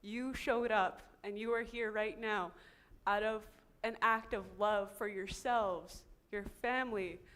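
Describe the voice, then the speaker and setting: A woman's voice: mid-range voice, fairly even intonation, measured pace, fairly bright tone, clean tone. A woman co-hosting a forum, giving earnest, effusive closing thanks with repeated phrases for emphasis. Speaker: forum co-host. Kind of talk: closing remarks at a conference.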